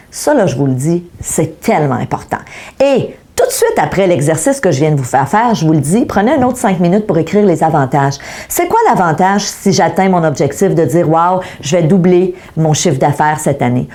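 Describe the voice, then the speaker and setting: A woman's voice: on the low side, a little mellow. A middle-aged woman with a Québécois French accent gives an online coaching lesson, talking directly to viewers and asking them rhetorical questions. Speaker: motivational speaker.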